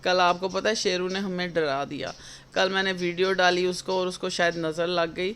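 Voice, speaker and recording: A middle-aged woman vlogger chatting casually in a rambling, homely way, with frequent pauses and fillers. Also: on the low side, fairly even intonation, fairly bright tone, slight background noise. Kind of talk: casual chat.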